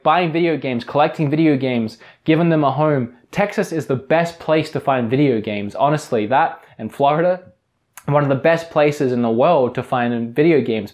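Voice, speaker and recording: A young Australian man with an accent drifting toward American, talking earnestly and rambling in a casual vlog, often restarting his sentences. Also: mid-range voice. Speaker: YouTube host. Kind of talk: casual vlog talk to camera.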